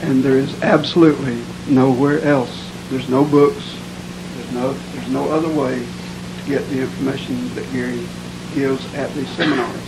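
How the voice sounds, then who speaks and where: A man from Atlanta, Georgia, giving a steady, sincere seminar testimonial. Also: mid-range voice, moderate pace, few pauses. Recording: humming, hissy background.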